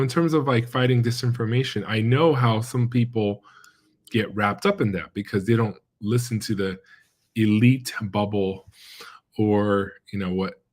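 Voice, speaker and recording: A middle-aged man, born in China and raised in the American Midwest, talking casually as a guest epidemiologist, hesitant and full of fillers and restarts. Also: on the low side. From born in China, raised in the American Midwest and central Pennsylvania. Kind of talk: casual interview chat.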